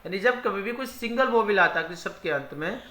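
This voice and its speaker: A man's voice: high-pitched, lively intonation, quick pace, pushed and bright. A male teacher who explains spelling rules. He repeats each rule in Hindi and asks questions that he then answers himself. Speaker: English teacher. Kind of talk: spoken grammar lesson. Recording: echoey room.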